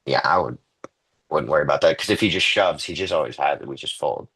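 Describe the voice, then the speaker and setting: Male group member, very low husky voice, loose rambling delivery. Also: fast, fairly bright tone. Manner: loose rambling, lots of likes and I means. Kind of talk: casual chat.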